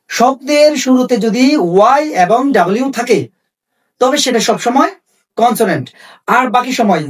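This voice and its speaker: A man teaching an English lesson. He asks questions and then answers them, and spells out English phrases slowly. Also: very high-pitched, recorded from a distance.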